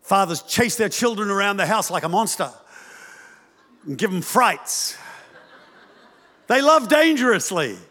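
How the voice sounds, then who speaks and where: A male pastor preaching a sermon, animated and humorous, acting out voices as he tells it. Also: sits high, a little slow, pauses often. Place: church hall. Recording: church hall reverb.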